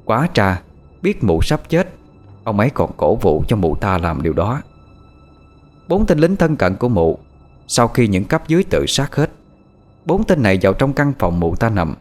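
Lively, low-voiced male storyteller. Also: normal speed, pauses often. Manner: lively, dramatic delivery. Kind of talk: scripted narration of a horror story. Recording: soft background music.

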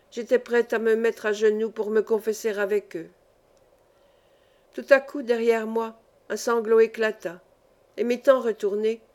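A woman narrating a classic novel as an audiobook in a measured, even way. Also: on the high side. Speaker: audiobook reader.

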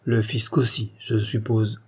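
A man's voice: lowish voice, flat delivery, a little slow, a little mellow, breathy edge. A man voicing a proud, penniless young nobleman who answers with sarcasm. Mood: mocking. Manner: sarcastic, haughty retorts. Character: proud mocking young nobleman, broke debtor.

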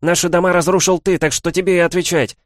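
A man voicing an angry male refugee who shouts accusations from a crowd in an audiobook. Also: high-pitched, steady tone, fast talker, dry recording, studio quality, voice pushed up, close to an everyday voice. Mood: furious. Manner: furious, accusing, yelling.

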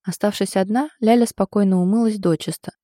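A woman narrating an audiobook in a steady, expressive storytelling manner. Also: medium pitch, fairly quick, no echo, clean studio sound.

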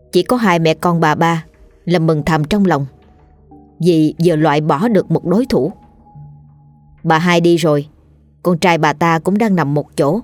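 A woman narrating a ghost story in a measured, even reading. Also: sits low, no echo.

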